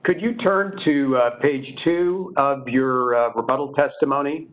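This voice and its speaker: A man's voice: medium pitch, unhurried. Man attorney on a phone-like line. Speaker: attorney cross-examining a witness. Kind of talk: formal cross-examination.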